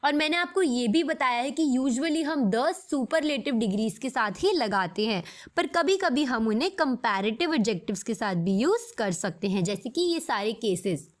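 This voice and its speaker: Woman, English teacher, slightly high voice, patient step-by-step explanations. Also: animated. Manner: explains in Hindi, reads English examples slowly. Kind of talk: scripted grammar lesson.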